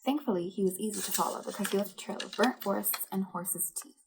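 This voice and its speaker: A woman, a church religious education director, reading a children's story aloud in a lively, animated way. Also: mid-range voice, fast, vocal fry, noisy background.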